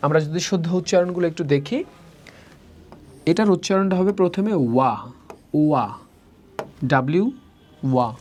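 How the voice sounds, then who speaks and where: A man's voice: a little high, a little mellow. Man drilling English words. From Bangladesh. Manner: drills words slowly, repeating each form twice. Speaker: English teacher. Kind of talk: recorded spoken-English lesson.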